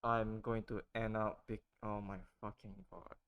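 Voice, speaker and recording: A man's voice: lowish voice, level tone, a little slow, muffled recording. A man playing a tabletop game and chatting casually with his group. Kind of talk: casual chat.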